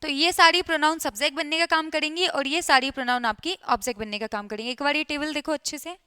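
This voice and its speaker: A high, bright-voiced woman teaches an exam-prep class. She repeats key points often and keeps checking in with her students. Her delivery is crisp and lively. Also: fast talker. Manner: repetitive, checks in with listeners.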